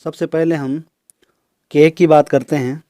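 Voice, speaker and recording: A man teaching English pronunciation in a recorded lesson, explaining slowly and listing example words one by one. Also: a little high, fairly even intonation, warm tone, dry recording. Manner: explains slowly, repeats terms in Hindi and English.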